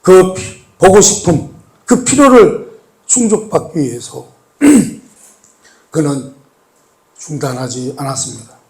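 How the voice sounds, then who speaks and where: A male pastor with a notably high voice delivers a sermon. He asks his listeners questions and repeats key words for weight. He rises to emphatic lines, then drops to a soft, pleading hush. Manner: addresses the congregation with rhetorical questions and repetition; swings between raised emphatic lines and soft, hushed pleading.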